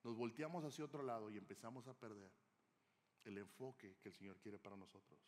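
A male preacher delivering a sermon in a church hall, telling stories dramatically and swinging from loud to hushed. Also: fairly low pitch, brisk. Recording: long hall reverb.

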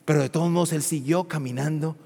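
A man preaching a sermon as pastor, swinging from hushed asides to shouted exhortation. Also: fairly high pitch, steady tone, fast talker, creaky, breathy edge, long reverb tail.

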